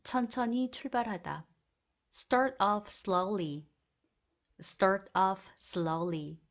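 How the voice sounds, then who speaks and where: A woman reading an English vocabulary drill as a teacher, saying each phrase twice in a slow, deliberate way. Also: medium pitch.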